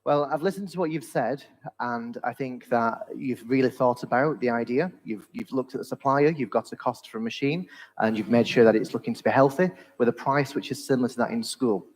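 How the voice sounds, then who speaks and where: Host/judge, male, measured and courteous, voice swimming in a long booming hall echo. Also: a little mellow. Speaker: host and judge of a school pitch event. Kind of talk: formal feedback and introductions. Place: large echoing hall. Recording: reverberant hall recording.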